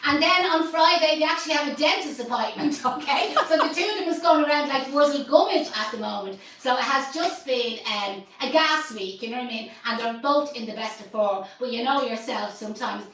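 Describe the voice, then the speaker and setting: A woman's voice: sits high, fairly quick, hardly any pauses, a bit bright, heavy reverb, distant mic, rough recording. An Irish woman hosting a casual live stream, chatty and joking, laughing often. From Ireland. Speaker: host.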